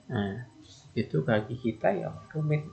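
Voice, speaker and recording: A man's voice: medium pitch, animated, gravelly, mellow, a little hiss or hum, poor audio. A man giving a recorded lecture to teacher trainees, who explains step by step and keeps saying "nah" between points. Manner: explains slowly, often says "nah", imitates baby babble.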